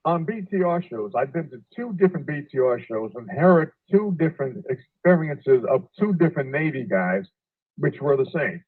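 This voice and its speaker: A man speaking as a remote guest over a video call connection that keeps breaking up, telling a story in a halting way with many fillers. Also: fairly high pitch, big pitch swings. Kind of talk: casual panel discussion. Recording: tinny phone-like video call audio.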